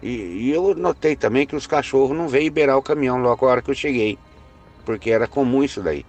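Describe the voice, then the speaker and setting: A man telling a personal story in a hesitant way, repeating words and slowing down for suspense. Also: mid-range voice, darkish tone, faint music behind. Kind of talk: first-person spoken storytelling.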